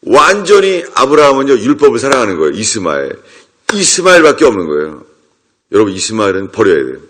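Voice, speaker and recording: A man's voice: fairly low pitch, sing-song, quick pace, fairly bright tone. A middle-aged man preaching a sermon as a pastor, emphatic, acting out quoted voices.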